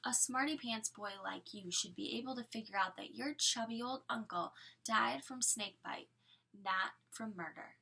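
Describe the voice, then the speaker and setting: A woman's voice: on the high side, moderate pace, gravelly, bright, forceful tone, breathy edge, exaggerated voice. Woman playing a sneering storybook villain. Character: sneering scheming male villain, adult.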